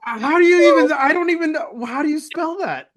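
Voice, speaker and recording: A man's voice: very high voice, a little fast, a bit bright. A man hosting a podcast interview, playful and laughing along with his guests. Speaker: podcast host. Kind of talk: casual interview.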